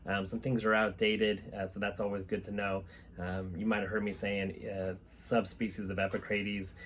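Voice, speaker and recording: In a small room lined with reptile enclosures and cooled by a fan, a man in his thirties who hosts a reptile-keeping channel reads a book aloud and chats to camera. He speaks at a moderate pace with a fairly low, level, fairly bright voice, and background room noise is clearly audible.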